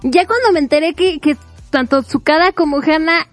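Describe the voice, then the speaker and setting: Woman, high voice, animated manga recap, faint music underneath. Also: moderate pace. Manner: animated, chatty, laughs often, acts out characters' lines. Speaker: manga reviewer. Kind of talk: casual retelling of a manga plot.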